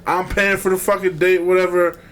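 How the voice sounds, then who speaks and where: A young podcast co-host with a high voice tells a date story in brisk, casual chat. He's animated and swears as he goes, acting out the things people said.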